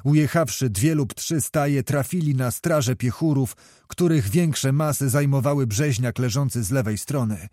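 Here a man with a mellow, mid-range voice narrates a historical novel for an audiobook, pacing the story in a measured way. The studio-quality recording has no room sound.

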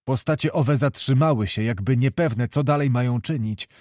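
A man's voice: mid-range voice, dry recording, studio quality. Man reading a historical novel. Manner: measured, expressive storytelling. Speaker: audiobook narrator.

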